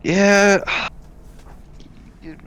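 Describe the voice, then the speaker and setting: A man as a guest in a casual chat about competitive games, agreeable and prone to halting restarts. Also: high-pitched, fairly even intonation, fairly bright tone, clear, resonant tone.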